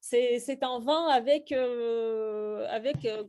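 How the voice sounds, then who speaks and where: A middle-aged woman from Russia leads a slam poetry workshop, speaking French with a clear Russian accent. She explains her writing to students in a hesitant way, filling pauses and restarting phrases often. Her voice sits somewhat high for a woman. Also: warm tone. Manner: hesitant, many fillers and restarts.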